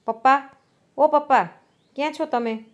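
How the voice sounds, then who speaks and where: A woman voicing a stubborn, proud young wife in a storybook reading, with a sharp, defiant delivery. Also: fairly high pitch, brisk, lightly acted. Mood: angry. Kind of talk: storybook narration.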